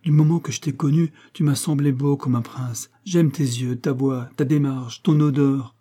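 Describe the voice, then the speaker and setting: A man's voice: mid-range voice, measured pace, dark tone, breathy edge, pitched above the performer's own voice. A man voicing a desperate woman in love, pleading and tearful, in an audiobook reading. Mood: adoring.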